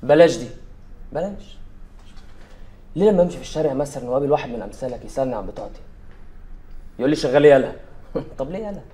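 A man's voice: mid-range voice, lively intonation, very fast, pauses often, lightly acted. An actor with an Egyptian accent playing a defiant young man who taunts a police officer with sarcasm. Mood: taunting. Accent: Egyptian Arabic. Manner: taunting, mocking. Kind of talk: film acting. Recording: film soundtrack with loud music.

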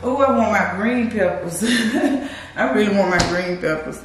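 A woman's voice: medium pitch, unhurried. Chatty young woman cooking in an echoey kitchen. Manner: chatty and laughing, talks to viewers as y'all. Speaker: vlogger cooking with her boyfriend. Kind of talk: casual cooking vlog chat. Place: home kitchen, indoors. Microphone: camera mic across the kitchen. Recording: echoey kitchen with loud background noise.

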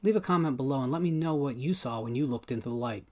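A man in his thirties hosting his own channel, calmly delivering a scripted film analysis to camera in a small home room, measured and deliberate, with dramatic pauses. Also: mid-range voice. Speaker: film critic host.

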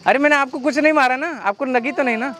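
A man staging a street prank by a car, shouting and threatening, then softly apologizing and coaxing. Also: extremely high pitch, fast talker. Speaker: prankster and channel host. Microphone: hidden camera mic. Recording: noisy outdoor street audio.

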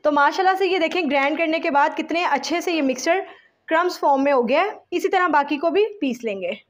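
A woman calmly talking through a home cooking recipe step by step, as a voice-over. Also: sits high, brisk. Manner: calm step-by-step instructions mixing English words. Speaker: home cooking channel host.

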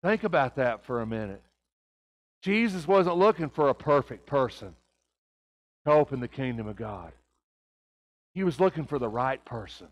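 A man's voice: medium pitch, big pitch swings, moderate pace, long pauses, dull audio. An older man preaching a conversational sermon in a church sanctuary, asking the congregation rhetorical questions.

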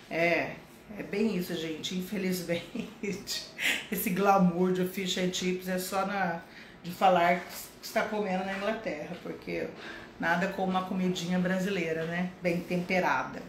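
A middle-aged woman from Brazil teaching a casual live English lesson, chatting with viewers and slowing down to stress English phrases. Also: on the low side, steady tone, roomy sound, a little hiss or hum. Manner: chatty, greets viewers in the chat by name.

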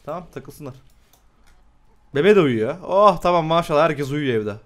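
A young man giving excitable live commentary on a game, swearing often and laughing a lot. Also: on the high side, normal speed, very noisy. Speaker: gameplay streamer.

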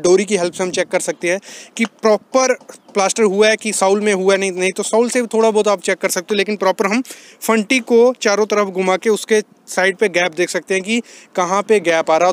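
A young man, a civil engineer, walking a building site with a phone camera and explaining construction terms step by step. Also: high voice.

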